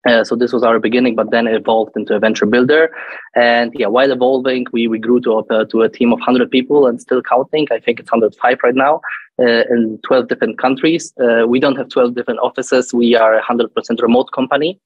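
A man's voice: medium pitch, steady tone, brisk, husky, dry recording, muffled recording. A man giving a conference presentation as a guest speaker over a video call, friendly, with some hesitant restarts. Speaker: guest speaker, venture fund partner.

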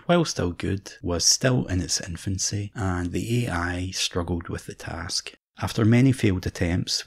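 A man narrating a scripted mock documentary in a measured, deadpan way. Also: deep voice, creaky, breathy edge.

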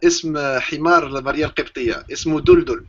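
A man speaking as a guest in an online panel discussion over an internet call. He talks haltingly and often breaks off and restarts words. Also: fairly high pitch, steady tone, very noisy. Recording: dull lo-fi call audio.

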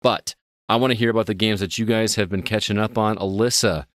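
A man's voice: on the low side, fairly even intonation, a little fast, dry recording, studio quality. A man hosting a gaming podcast, chatting casually and upbeat, laughing easily. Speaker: podcast host.

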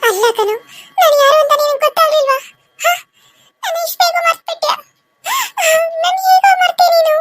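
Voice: very high-pitched, expressive, pushed and bright, no echo, exaggerated voice. A performer voicing a vengeful female ghost, a murdered second wife, who taunts and accuses her killer in a cartoon serial. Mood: accusing. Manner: accusing, taunting, drawn-out wails.

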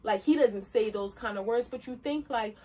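A woman co-hosting a podcast, speaking in an animated, outspoken and sassy way in casual chat. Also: a little high, moderate pace. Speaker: podcast co-host. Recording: distant mic.

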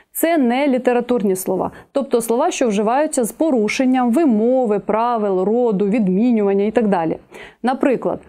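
A young woman teacher walks through an exam-prep lesson in a measured, methodical way, listing her examples one at a time. Her voice sits slightly high, and its tone is warm and mellow rather than bright. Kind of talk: exam-prep video lecture.

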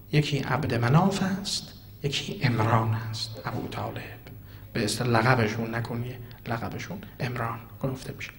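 A man giving a Quranic commentary sermon, swinging between loud emphatic declaiming and hushed, almost whispered asides. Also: medium pitch. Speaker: preacher. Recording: long hall reverb.

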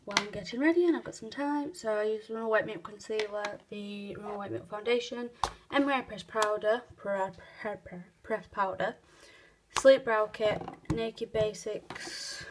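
A young woman chats casually to her vlog while wearing clear plastic retainers. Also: mid-range voice. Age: teens. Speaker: vlogger. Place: small bedroom at home. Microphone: handheld phone camera at arm's length. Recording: phone recording with faint noise.

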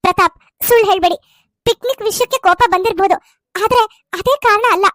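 Very high squeaky voice, a hurt young bride in a cartoon soap pleading and complaining through tears, as a woman plays her. The sound is bone dry and close. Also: quick pace, a bit bright, dry recording. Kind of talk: cartoon serial voice acting.

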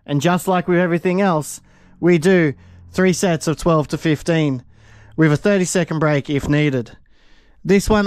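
Filming on a handheld action camera, a man with a high-sitting voice and no echo vlogs his gym session in a cheerful, self-mocking, casual way. Music plays behind him, and the scenes shift between the indoor gym and a spot outside by a car.

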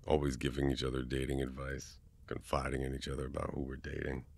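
A young man in a whispered role-play as a best friend, casual and swearing, teasing then gently comforting, close to the mic. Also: extremely low pitch, monotone, fast talker, gravelly, husky. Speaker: ASMR boyfriend role-play performer.

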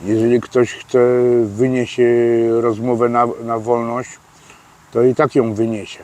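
A man talking slowly outdoors by a street, stopping often to search for words. His pitch sits in a middle range. He answers questions in a plain, casual way, full of fillers and restarts. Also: little pitch movement, darkish tone. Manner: hesitant, many fillers and restarts. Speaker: interviewee explaining prison slang.

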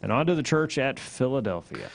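A man's voice: mid-range voice, brisk, gravelly. A man co-hosting a live Bible study, speaking steadily and reading out viewer comments. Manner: steady, reads viewer comments, brief agreeing replies. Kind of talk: casual Bible study talk.

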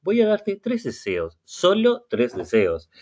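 A man's voice: sits high, huge pitch swings, takes it slowly, darkish tone, voice pushed up, heavily acted. A man reading the lines of a magical male genie from a lamp in a simple story, over muffled web meeting audio.

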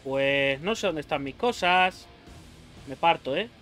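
A man's voice: fairly high pitch, lively intonation, unhurried, a bit bright. A man from giving frantic gameplay commentary, swearing, yelping and talking to himself during a boss fight. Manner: frantic, swearing, yelps and self-talk while fighting a boss. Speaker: gaming youtuber. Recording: faint game music behind.

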